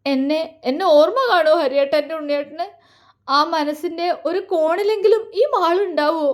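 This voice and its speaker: Heartbroken young woman in a storybook reading, voiced by a woman narrator, soft and halting, repeating her words as she holds back tears. Her voice sits high and thin, lifting higher still when she pleads. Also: natural voice. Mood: tearful, pleading. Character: young woman, heartbroken, tearful and self-effacing.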